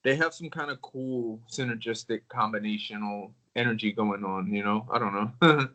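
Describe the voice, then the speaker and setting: A man in casual conversation about crystals, talking in a relaxed, rambling way with many filler words. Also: fairly low pitch, moderate pace, lo-fi sound. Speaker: crystal collector.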